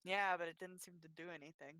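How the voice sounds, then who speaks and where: A woman acting as game master, narrating a tabletop game with many pauses and ums. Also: lowish voice, steady tone, sharp tone, clean tone, dry recording, rough recording. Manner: hesitant, full of ums and uhs.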